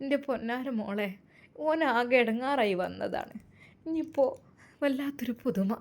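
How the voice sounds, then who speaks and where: A worried old mother laments and pleads in a voice, as a woman storyteller puts her on. The voice stays fairly high. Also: measured pace. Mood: lamenting.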